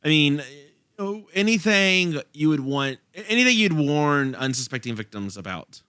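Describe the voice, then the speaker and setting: Bright-voiced man. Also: a little high, sing-song, normal speed, smooth, no room sound, clean studio sound. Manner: hesitant, many restarts and fillers. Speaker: podcast co-host. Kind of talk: casual movie review chat.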